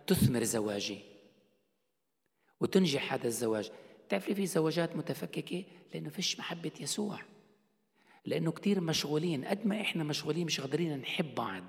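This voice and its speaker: A middle-aged man preaches with a gravelly edge to his voice. He talks to his congregation in a loose, conversational way and keeps asking them questions. His voice rings out in a church hall with a long reverb. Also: a little high. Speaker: pastor. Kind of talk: sermon.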